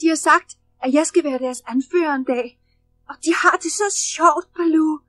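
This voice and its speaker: A woman voicing a small jungle boy who is cheeky, proud and quick to sulk, in a storybook reading. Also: sits high, soft background music, pitched above the performer's own voice. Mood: pleading. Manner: loud, eager and boastful.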